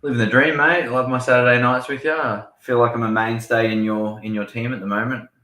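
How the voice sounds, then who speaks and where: A man's voice: mid-range voice, steady tone, brisk, bright, forceful tone. An Australian man, a regular on the show, chatting in a laid-back, blunt way and swearing freely. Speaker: regular panelist. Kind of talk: casual chat. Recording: roomy echo.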